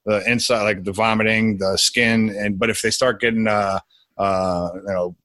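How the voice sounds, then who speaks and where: A man's voice: lowish voice, fairly even intonation, moderate pace, a bit bright, dry recording. A young adult man, a podcast guest, telling a personal story in casual conversation with many restarts.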